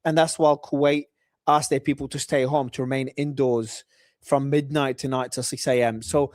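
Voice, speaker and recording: A man's voice: medium pitch, fairly even intonation, moderate pace, a little mellow, no echo, clean studio sound. A man hosting a live talk show, reading out news updates and giving his own predictions. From Australia. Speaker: host.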